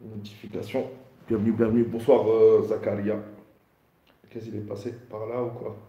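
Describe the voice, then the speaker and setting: A hallway-like echo surrounds this man in his thirties as he hosts a casual livestream. His voice is fairly low and dark, with a relaxed tone. He talks informally, repeating greetings and dropping in Arabic phrases, recorded on a phone in a bare room. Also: moderate pace, highs cut off. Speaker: livestream host. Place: indoors in a bare, echoing room.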